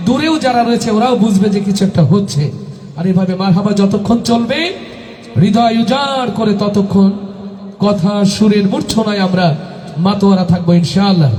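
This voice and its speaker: A high-pitched man works a live crowd from the stage, calling out and waiting for them to answer back. His voice rings through a big echoey space with a long reverb tail, the sound of a PA at a large evening gathering. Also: moderate pace, darkish tone. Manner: call-and-response, rousing the audience. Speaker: Islamic event host and singer. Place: large outdoor evening event.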